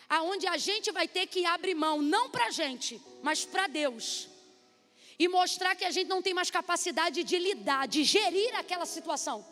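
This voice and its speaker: Brazilian female preacher, very high pitch, lively sermon delivery in a reverberant church. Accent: Brazilian Portuguese. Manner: animated, calls out to the congregation. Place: church hall. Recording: echoey hall with faint music.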